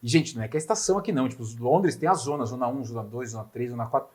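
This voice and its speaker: A middle-aged man with a Brazilian Portuguese accent hosting a podcast, telling a story in animated, casual chat and swearing freely. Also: medium pitch, very fast. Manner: animated, swearing, acts out dialogue. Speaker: podcast host.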